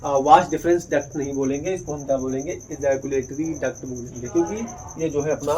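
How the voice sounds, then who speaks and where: A man's voice: medium pitch, a little fast, a little mellow, low-quality recording. A man teaching a biology lesson at a board, explaining step by step and asking questions he then answers himself. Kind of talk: whiteboard lesson.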